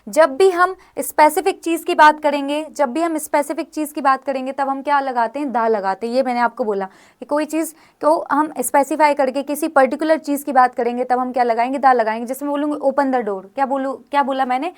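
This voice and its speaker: High-voiced woman teaching grammar. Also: a little fast. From India. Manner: frequent check-in questions to students. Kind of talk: explanatory classroom lesson.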